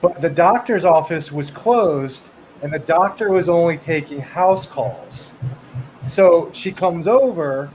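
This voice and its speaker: A man's voice: on the high side, takes it slowly, a little mellow. Rambling male co-host, faint hum. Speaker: podcast co-host. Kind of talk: casual chat.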